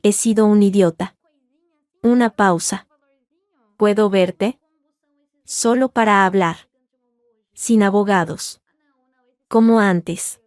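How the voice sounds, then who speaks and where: A man's voice: high voice, steady tone, takes it slowly, pauses often, darkish tone, smooth, dry recording, studio quality. A woman voicing a manipulative husband who pleads in a honeyed tone in a read-aloud story. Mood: pleading. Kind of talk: scripted narration.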